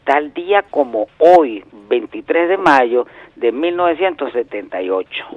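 A man's voice: on the high side, animated, unhurried, no echo. A man in his sixties calling in to a radio show, chatting in a rambling way and trading wordplay. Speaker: regular phone-in contributor. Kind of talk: casual radio chat by phone. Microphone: telephone. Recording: dull lo-fi phone line, dry.

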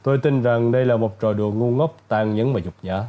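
A male narrator playing a cold, stern old judge who speaks slowly and drily, with the voice lowered. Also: warm tone, lightly acted. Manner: slow, dry, clipped.

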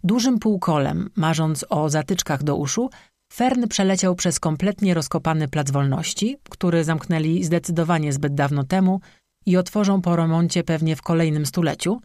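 Audiobook narrator with a wry, sarcastic delivery, dry close recording, mid pitch. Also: normal speed, darkish tone, no echo.

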